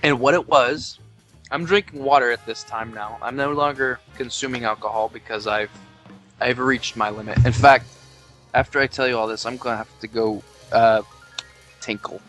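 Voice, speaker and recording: A man's voice: mid-range voice, moderate pace, fairly bright tone. Tipsy young male podcast host, rambles and swears, faint music bed. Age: 20s. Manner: loose, rambling, swearing, reading aloud with mock quoting. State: drunk. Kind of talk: tipsy casual podcast chat. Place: indoors at home, Tennessee.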